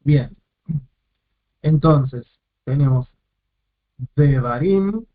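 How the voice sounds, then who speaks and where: A man's voice: a little high, animated, very slow. A man teaching a lesson step by step, repeating and sounding out each syllable and correcting himself as he goes. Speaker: Biblical Hebrew teacher. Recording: tinny phone-like audio.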